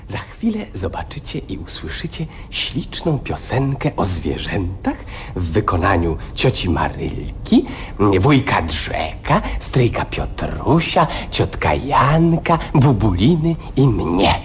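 A man gently introducing a song to small children, in a tender tone, on an old archive recording. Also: fairly low pitch, very animated, takes it slowly, a little hiss or hum.

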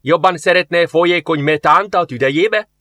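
A man's voice: a little high, expressive, a bit bright, no room sound, pitched above the performer's own voice. Man playing a barking first officer. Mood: irritated. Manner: barking, authoritative. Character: stern commanding male first officer.

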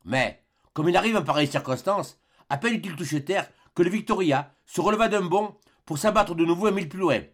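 Male audiobook narrator, slightly raised voice, measured and dramatic classic storytelling. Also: high-pitched. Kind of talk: scripted narration of a classic adventure novel.

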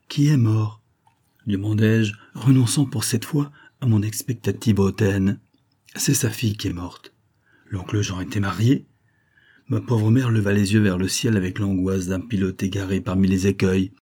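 Husky low-voiced male audiobook narrator. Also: steady tone, mellow. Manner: measured, literary storytelling. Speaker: audiobook reader. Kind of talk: scripted narration of a novel.

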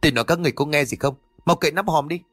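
A man's voice: on the high side, racing, a bit bright, dry recording, faint music behind, voice pushed up. A man doing a frantic young man barking orders. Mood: furious. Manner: commanding, frantic. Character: young man shouting at funeral workers.

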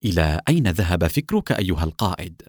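A man reading the soft-spoken lines of a young woman on the team, in his own low voice. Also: animated, quick pace, no room sound, studio quality. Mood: gentle.

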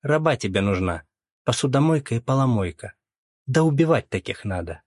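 A man reading a story, voicing an indignant divorced woman who scolds her ex-husband in a raised, shrill voice. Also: big pitch swings, normal speed, a little mellow, dry recording, studio quality. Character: sharp-tongued divorced woman, indignant and bossy.

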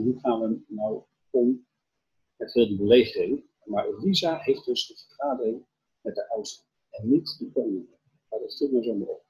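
A man preaching, retelling a Bible story with animated storytelling and acted-out dialogue. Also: medium pitch, breathy edge, low-quality recording. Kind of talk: Bible teaching, retelling scripture.

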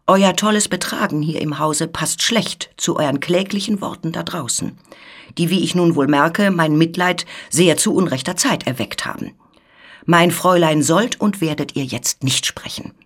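A loyal old servant woman standing her ground, speaking strong and steady, her voice husky and breathy, as a reader puts her on. An audiobook reading of an old tale. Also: medium pitch. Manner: firm and steadfast, crying for help.

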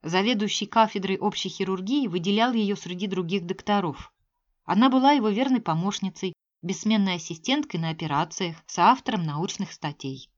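A woman reading a novel aloud as an audiobook narrator, measured and expressive. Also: medium pitch. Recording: slightly dull lo-fi sound.

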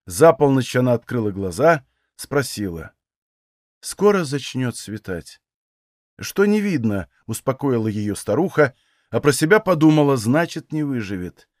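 A man reads a classic novel in a calm, measured way. His voice sits slightly high. The recording is dry and close. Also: no room sound. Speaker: audiobook narrator. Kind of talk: scripted literary narration.

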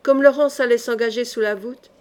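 Woman reading a historical novel aloud. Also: on the high side. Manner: measured, steady storytelling. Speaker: audiobook reader. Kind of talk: audiobook narration of a historical novel.

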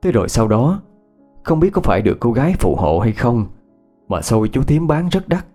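A man, narrating a ghost story in a measured, unhurried way. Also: medium pitch, sing-song, mellow. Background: faint instrumental music.

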